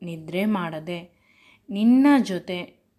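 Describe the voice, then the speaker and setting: A woman voicing a possessive, teasing young man in a spoken romance story, in a lowish voice of her own. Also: takes it slowly, mellow.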